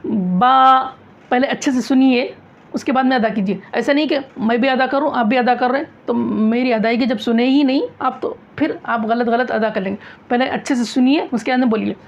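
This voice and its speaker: A woman teaches a classroom tajweed lesson in a brisk, steady, slightly high voice with a darkish tone, and the sound is lo-fi. She drills the recitation class by repeating every point and asking questions she then answers herself.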